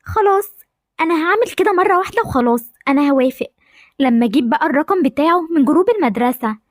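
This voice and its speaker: A woman's voice: high-pitched, expressive, fast talker, no room sound, studio quality. A woman voicing a shy, cautious schoolgirl with an Egyptian accent, hesitant and worried. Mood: torn. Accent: Egyptian Arabic.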